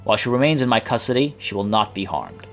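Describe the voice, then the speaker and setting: A man's voice: lowish voice, big pitch swings, fast talker, vocal fry. A man voicing a solemn, vengeful lord in a video game with formal speech. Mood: grave. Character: grave, vengeful nobleman lord. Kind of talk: video game dialogue read aloud. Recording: music playing behind.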